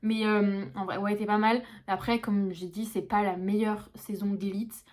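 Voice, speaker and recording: A young woman talking to her followers in a loose, chatty vlog. She speaks with everyday slang and lots of fillers, at a middle pitch. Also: little pitch movement, moderate pace, a little mellow. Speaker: vlogger. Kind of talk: casual vlog chat to camera.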